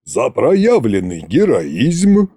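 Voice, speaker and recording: A man's voice: medium pitch, huge pitch swings, very slow, mellow, husky, no echo, studio quality, full character voice. A man voicing a boastful, pompous immortal sorcerer king in an audiobook, grand and mocking. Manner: grand, self-satisfied, mocking. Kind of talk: audiobook character reading.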